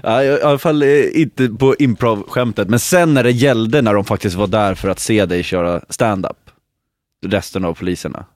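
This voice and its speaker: A man's voice: lowish voice, dry recording. Man hosting a podcast. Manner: laughs often, short backchannel replies. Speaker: podcast host. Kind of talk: casual interview chat.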